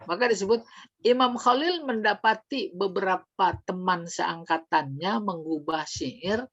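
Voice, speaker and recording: A woman teaching a study lesson, explaining slowly and quizzing her class with questions. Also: lowish voice, fairly bright tone. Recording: dull lo-fi recording.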